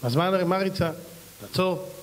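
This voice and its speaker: A man preaching as a rabbi, emphatic and full of rhetorical questions. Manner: emphatic, mimics others in high voices, rhetorical questions. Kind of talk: sermon. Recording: long hall reverb.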